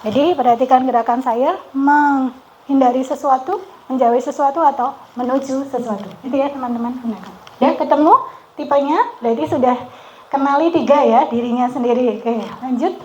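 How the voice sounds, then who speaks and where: A woman's voice: high-pitched, moderate pace, dark tone, muffled recording, a little hiss or hum. A middle-aged woman, a psychologist, leading a training session in a chatty, interactive way, often checking in with the group. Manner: chatty, keeps asking the group "betul ya?". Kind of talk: interactive workshop talk. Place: outdoor training venue.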